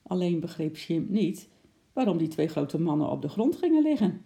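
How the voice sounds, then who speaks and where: Gravelly, dark-voiced children's storyteller. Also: mid-range voice, sing-song, normal speed. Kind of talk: reading a children's story aloud.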